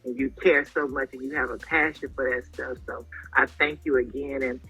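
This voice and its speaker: A man hosting a casual interview, praising his guest warmly and encouragingly with lots of fillers. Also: mid-range voice, level tone, moderate pace, slightly rough, soft background music, low-quality recording. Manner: encouraging and effusive, many fillers. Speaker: host.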